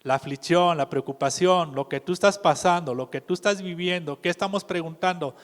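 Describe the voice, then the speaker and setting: A man preaching a sermon in a measured way, often putting questions to the congregation. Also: fairly high pitch. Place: church hall. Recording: reverberant church hall.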